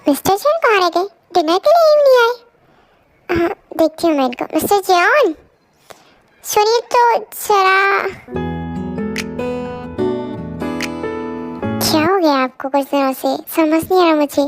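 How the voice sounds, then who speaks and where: A woman's voice: very high-pitched, lively intonation, a little fast, over music. A young woman voicing a caring young wife in an amateur fan dub drama, speaking in a coaxing, earnest way. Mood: worried.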